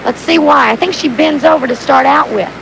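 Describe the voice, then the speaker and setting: In live sports commentary at an outdoor diving stadium, a woman explains technique as an expert analyst, her high voice brisk and gravelly. It's an old 1980s stadium broadcast, very noisy and crowded.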